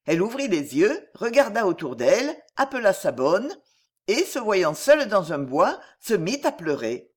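A woman reading a classic children's storybook aloud in a measured, expressive storytelling manner. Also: medium pitch.

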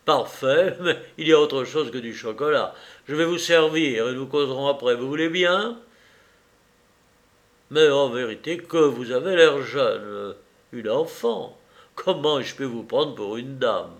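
Man voicing a gallant, teasing gentleman thief in a slow audiobook read. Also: medium pitch, animated. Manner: gallant, playful. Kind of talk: audiobook reading.

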